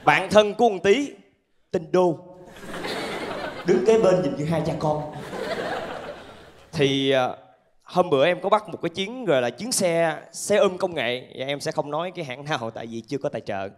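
Male stand-up comic, southern Vietnamese accent, high voice, animated storyteller on handheld mic. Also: normal speed, pauses often, noisy background. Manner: animated storytelling with acted-out asides. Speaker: stand-up comedian. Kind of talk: stand-up comedy storytelling to a live audience. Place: theatre stage with laughing audience. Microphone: handheld microphone.

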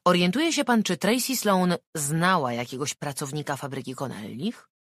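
A narrator reading an audiobook and voicing a calm detective asking even, probing questions. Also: mid-range voice, normal speed, no room sound, clean studio sound, voice pushed up. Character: calm, methodical police detective.

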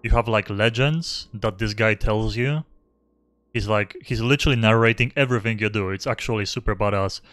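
A young man streaming a game offers casual, rambling live commentary into a close desk microphone with no pop filter, faint game music behind him. His voice is on the low side, a little fast and fairly bright, with no echo.

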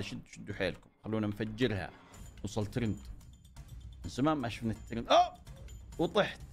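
A man giving excitable commentary over his own gameplay, cheering himself on and joking with his viewers. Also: medium pitch. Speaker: gaming YouTuber.

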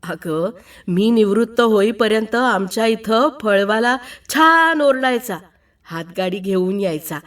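A grumbling, nostalgic retired uncle speaks slowly in a fairly high voice, as a woman reading the story puts him on. He exclaims about the old days, heard from some distance off the mic. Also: animated, fairly bright tone.

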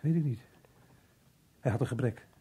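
An actor playing a muddled, evasive working man in an old radio drama, halting and puzzled, with a rough, husky voice. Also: mid-range voice, warm tone. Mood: rambling, confused. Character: muddled, evasive working-class man, slow to grasp questions.

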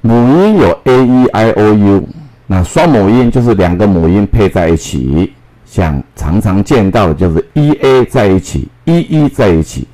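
A man teaching English phonics, spelling out letters and repeating each word slowly. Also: on the low side, lively intonation, dark tone, poor audio. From Taiwan. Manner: slow, drawn-out spelling and word repetition. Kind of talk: classroom phonics lesson.

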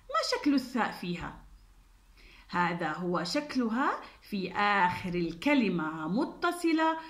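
A woman teaching young children in a distance-learning lesson, encouraging and sing-song. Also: a little high. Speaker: kindergarten Arabic teacher.

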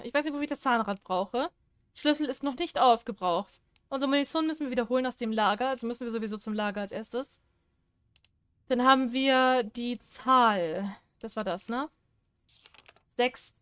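A woman's voice: a little high, fairly bright tone. A young woman commenting on a horror game, chatty and jumpy, talking to herself and the characters. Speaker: let's play gamer.

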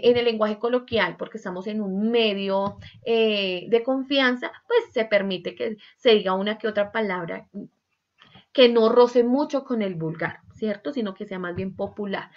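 Lively woman teaching a class. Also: mid-range voice. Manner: lively, acts out examples, asks "¿sí?" and "¿cierto?" often. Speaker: Spanish teacher. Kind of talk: online class lecture. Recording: dull lo-fi recording.

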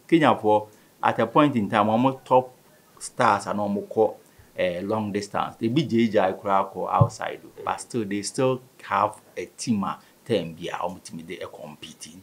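His voice is on the low side and a little slow, with a breathy edge. The speaker, a man in his thirties with a Ghanaian West African accent, is a guest in a conversational sports interview, moving between Twi and English. He's recorded in a small indoor studio through a studio microphone on a table stand.

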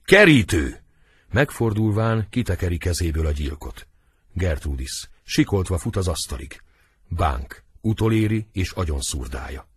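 A man narrating the stage directions of a play as an audiobook, in a measured dramatic reading. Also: low voice, expressive, a little mellow, breathy edge, no echo.

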